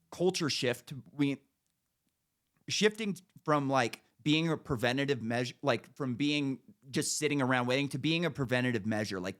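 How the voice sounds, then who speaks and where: American man, mid-pitched, casual ranting, opinionated, blunt, sweary, emphatic repetition. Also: a bit bright.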